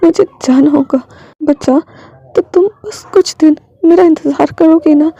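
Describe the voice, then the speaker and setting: A woman voicing a protective older brother who talks softly and haltingly while hiding his grief. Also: high-pitched, gravelly, no echo, pitched above the performer's own voice. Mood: gentle. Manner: soft, halting, choked.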